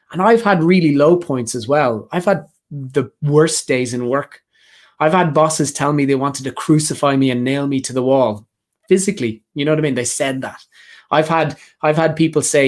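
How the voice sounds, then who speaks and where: A man presenting a live career-coaching session, talking earnestly and directly to job seekers with a lot of repetition. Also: medium pitch. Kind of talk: motivational live session talk.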